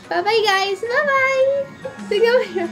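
Her voice is very high-pitched, slow, and fairly bright as she hosts a casual cooking vlog, with soft music in the background. Seated at a table in a dark room, the young woman talks to the camera, chatty, polite, playful, and often giggling.

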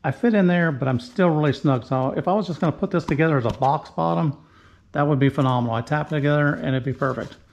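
A man's voice: fairly high pitch, quick pace, creaky, a little mellow, muffled recording. A middle-aged man explaining a woodworking project step by step as he works, in a casual, plain-spoken way, recorded on a camera mic in his home shop. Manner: plain-spoken, step-by-step, talks through each move as he works. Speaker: woodworking channel host. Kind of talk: casual how-to narration while working. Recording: echoey garage shop with faint noise.

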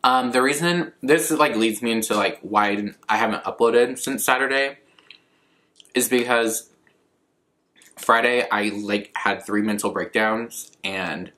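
Young guy in his 20s, lowish bright voice, rambly casual vlog chat, kinda self-deprecating. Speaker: vlogger answering viewer questions. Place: living room at a coffee table, indoors.

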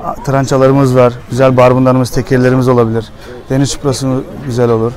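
A man's voice: medium pitch, level tone, fast talker, a little mellow. A man in his thirties, a restaurant owner, plainly describing his menu, recorded on a phone at an outdoor seaside restaurant. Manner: plain, matter-of-fact. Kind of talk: casual interview. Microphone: vlogger's phone.

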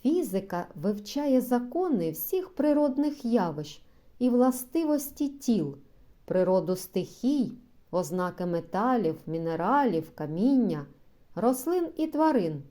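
A woman reading aloud as a pedantic philosophy teacher who lectures slowly and explains every detail. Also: on the high side, sing-song, dark tone. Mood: lecturing. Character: pedantic middle-aged male philosophy teacher.

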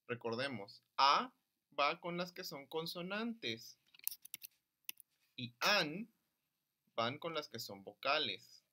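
A man teaching an English lesson to young children in Spanish, drilling pronunciation by slowly repeating words and stressing syllables. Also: fairly high pitch, very animated, sharp tone. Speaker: primary school English teacher.

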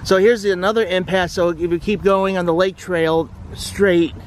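A man's voice: high-pitched, steady tone, normal speed, a little hiss or hum. A man hosting a casual travel vlog, narrating a walk around a lakeside forest preserve with chatty, tour-guide commentary. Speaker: vlog host.

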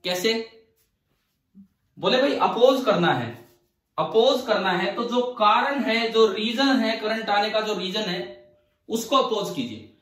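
A male physics teacher lecturing a class in a high voice. He quizzes the students and answers his own questions, repeating key phrases. The sound is roomy and echoey, with the mic set back from him. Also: takes it slowly, pauses often, a bit bright, distant mic. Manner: asks the class questions and answers them himself; repeats key phrases to drive points home.

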